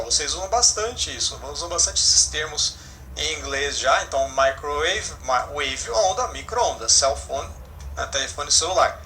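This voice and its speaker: Male English teacher, fairly high and bright voice, patient explainer, faint background hiss. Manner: explanatory, frequent "né?" and self-corrections. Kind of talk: online class explanation.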